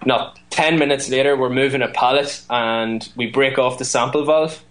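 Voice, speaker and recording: A man's voice: medium pitch, fairly even intonation, normal speed, noisy background. A man with an Irish accent, a brewery guest calling in, telling a story with many fillers and restarts. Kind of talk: casual phone-in chat. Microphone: phone line.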